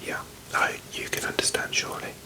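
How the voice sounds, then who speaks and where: A British performer in a whispered role-play, voicing a strict, officious, slightly condescending librarian in a hushed library whisper. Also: brisk, close to an everyday voice. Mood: stern, distrustful.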